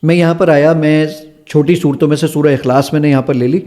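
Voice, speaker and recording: Guy with a high voice walking through his app feature by feature, real eager. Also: fairly even intonation, warm tone. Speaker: app founder and guest. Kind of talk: explaining and demonstrating an app.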